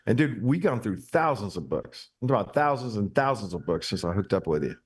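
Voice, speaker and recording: A man's voice: on the low side, big pitch swings, fast, husky. A man with an Appalachian hillbilly accent, chatting casually as an interview guest in a folksy, emphatic way. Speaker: guest, ministry leader and author. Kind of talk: casual chat.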